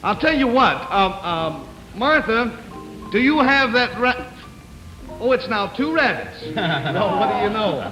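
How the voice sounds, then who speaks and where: 1950s TV game show host, high voice. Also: male voice, big pitch swings, measured pace. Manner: genial, rambling, with frequent hesitations. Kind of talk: 1950s TV broadcast, live studio hosting. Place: TV studio stage with live audience. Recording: old 1950s TV broadcast, echoey studio hall, loud audience and music.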